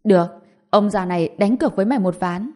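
A woman's voice: medium pitch, fast talker, warm tone, close to an everyday voice. A woman voicing a proud male clan elder over eighty, harsh and scornful, in a spoken story. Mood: angry.

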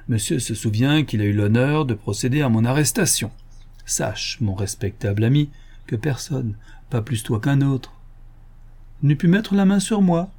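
Un cambrioleur gentleman, raffiné et moqueur, lu par un homme, dans un livre audio. Il parle avec ironie et une assurance tranquille, d'une voix douce et un peu voilée. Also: medium pitch. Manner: ironic, playful and self-assured. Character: suave, mocking male gentleman burglar.

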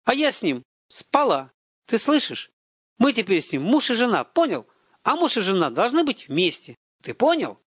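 A defiant, bitter young woman spits mockery and contempt, her voice pitched high and swinging sharply, as a male audiobook narrator puts her on. The reading sounds close and dry, with no room around it. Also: lively intonation, normal speed, no room sound. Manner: mocking, contemptuous, shouting at times.

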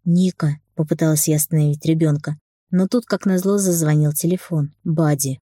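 A woman's voice: sits low, fairly even intonation, a little fast, mellow, no echo, clean studio sound. A woman narrating a novel aloud in the first person, reading evenly and without hurry. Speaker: audiobook narrator.

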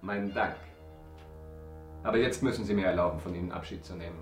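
A man in a German radio drama playing a suave, ironic count, courtly and measured with a subtle mockery. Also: low voice, vocal fry, roomy sound, soft background music. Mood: courteous. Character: suave, ironic aristocratic count, coolly controlled avenger.

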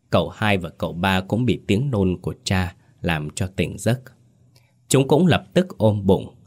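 A man with a low voice tells a horror story, drawing out grim details with dramatic weight. His delivery is vivid and steady.

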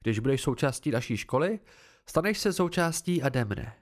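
A man's voice: mid-range voice, expressive, close to an everyday voice. A man voicing a stern, confident woman who teaches swordcraft, blunt and instructive in an amateur audiobook reading.

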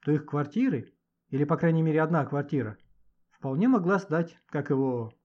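A man's voice: on the high side, normal speed, close to an everyday voice. A man reading an audiobook and voicing a cocky, boastful teenage boy with a brash, mocking manner. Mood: scheming. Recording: dull lo-fi audiobook recording.

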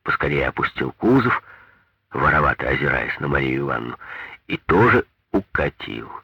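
A man narrating a story in a measured audiobook reading, in a dull, dry, lo-fi recording. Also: very deep voice, sing-song, creaky, bright, forceful tone, slightly rough, no room sound.

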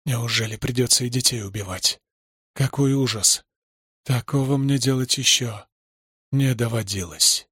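A man reading aloud and voicing a cold, calculating female spy, in low, muttered thoughts. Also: unhurried, fairly bright tone, slightly rough, dry recording, studio quality. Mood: dismayed.

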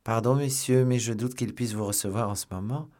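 A man's voice: medium pitch, fairly quick, a little mellow, lightly acted. A man voicing a devoted, deferential male manservant who answers politely and evasively.

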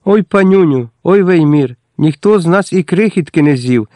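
A man's voice: mid-range voice, moderate pace, darkish tone, dry recording, lightly acted. A man voicing a poor, timid young servant girl in a storybook reading, eager and pleading. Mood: frightened.

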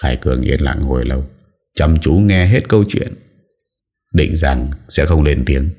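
A man narrating an audiobook story in a steady storytelling manner. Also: a bass voice, normal speed.

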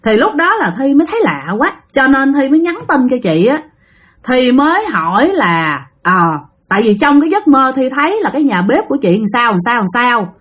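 A woman's voice: high voice, big pitch swings, brisk, fairly bright tone. A woman telling a spooky story in a casual, chatty way, speaking straight to her listeners. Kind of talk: casual spoken ghost story.

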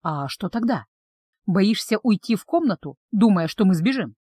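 A woman voicing a calm male elf who speaks in a soft, measured, gently teasing way. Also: mid-range voice, no room sound, lightly acted.

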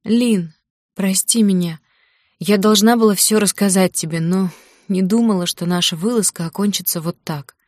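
A woman voicing a weak, remorseful young heroine, a little higher than her narration. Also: normal speed, darkish tone, no room sound, clean studio sound, natural voice.

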